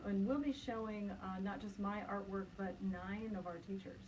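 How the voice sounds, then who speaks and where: A woman's voice: medium pitch, fairly even intonation, moderate pace. An eager, talkative woman art teacher speaking as a radio guest. She sounds a bit distant from the microphone, with a light hiss behind her voice. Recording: voice a little off-mic with light noise.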